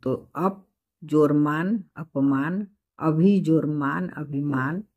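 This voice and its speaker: A woman teacher reading out textbook questions and dictating the answers slowly and carefully. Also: low voice, a little mellow, slightly rough. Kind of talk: explaining textbook answers to a class.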